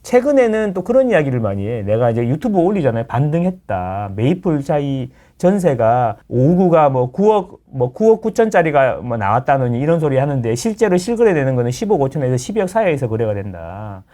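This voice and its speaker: A man's voice: mid-range voice, fairly quick, hardly any pauses. A middle-aged man, a real estate lecturer, explaining things in casual chat and acting out the people he quotes. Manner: animated, acts out quoted people in voices.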